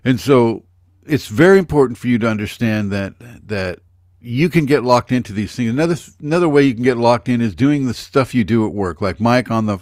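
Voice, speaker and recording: A man's voice: lowish voice, no echo. Older man teaching on a dry video call. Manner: rambling, conversational, addresses viewers by name. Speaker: spiritual teacher. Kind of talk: live online spiritual teaching.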